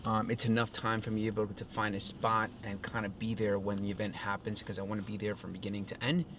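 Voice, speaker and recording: A man's voice: fairly low pitch, flat delivery, quick pace. A man talking casually to camera as a vlogger, recorded outdoors at a city event. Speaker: vlogger and photographer. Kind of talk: casual vlog talk to camera. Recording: loud music behind, outdoor urban noise.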